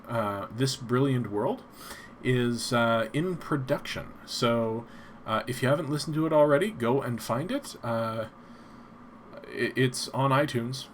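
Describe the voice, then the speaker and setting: A man hosting a casual live stream in a soft, breathy, low-spoken voice with an old-timey radio announcer delivery, rambling and self-deprecating. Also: slight background noise.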